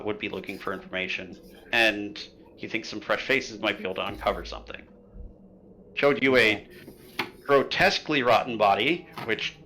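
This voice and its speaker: Male game master, bright voice, joking and rambling casual recap, faint background hiss. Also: on the low side, poor audio. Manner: joking, rambling with many filler sounds.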